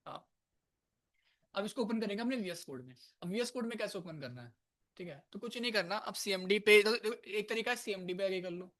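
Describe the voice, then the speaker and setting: A brisk, high-pitched, slightly bright male voice leads a live programming lecture in a classroom. He's casual and chatty, teasing, scolding, and coaxing his students along.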